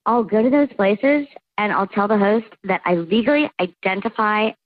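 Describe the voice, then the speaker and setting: A woman's voice: medium pitch, moderate pace, phone-quality sound, crowd noise. Woman caller through a morphing voice changer. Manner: playful, laughing confession. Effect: voice changer morphing her voice. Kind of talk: casual chat on a radio show. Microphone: phone.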